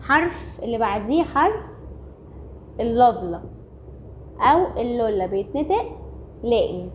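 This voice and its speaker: Egyptian woman teacher, patient step-by-step explainer, somewhat high voice, dull lo-fi recording. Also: big pitch swings, measured pace, a little hiss or hum. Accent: Egyptian Arabic. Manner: patient, repeating each point step by step. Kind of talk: recorded language lesson.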